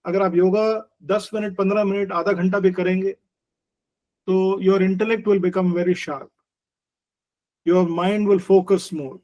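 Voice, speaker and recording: एक साठ वर्षीय पुरुष योग शिक्षक, जो एक बातचीत में गंभीरता से समझाते हुए हिंदी और भारतीय अंग्रेज़ी मिलाकर बोलते हैं।. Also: male voice, sits high, fairly even intonation, slow, long pauses, darkish tone, lo-fi sound. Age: 60s. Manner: earnest, explanatory, mixes Hindi and English, uses everyday analogies. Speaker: yoga teacher. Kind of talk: conversational interview.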